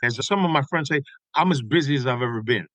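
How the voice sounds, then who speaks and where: A man in his sixties from Tampa, a guest telling stories in an interview, animated and often tagging his points with "okay?". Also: medium pitch, fast talker, no room sound, low-quality recording. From Tampa, Florida. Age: 60s. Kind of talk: conversational interview storytelling.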